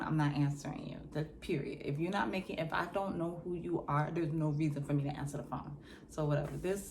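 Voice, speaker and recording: A woman's voice: sits low, a little mellow, a little hiss or hum. A young woman telling a personal story to camera in a blunt, sassy way with ranting asides. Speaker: storytime vlogger.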